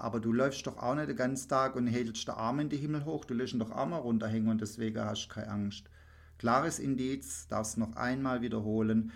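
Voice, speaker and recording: A man working as a dog trainer, talking bluntly and emphatically in a casual podcast chat, acting out his clients in quick back-and-forth. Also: mid-range voice, gravelly.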